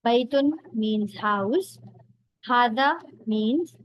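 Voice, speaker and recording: A woman teaching a beginner Arabic lesson, explaining slowly and patiently and repeating each word for learners. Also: a little high, dry recording, dull audio.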